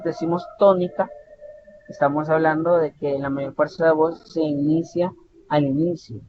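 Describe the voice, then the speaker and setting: Man tutoring a lesson over dull audio. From El Salvador. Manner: explanatory, repeats and restarts words, says "¿verdad?" often. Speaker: online tutor. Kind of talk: online lesson lecture. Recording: dull lo-fi audio with faint rumble.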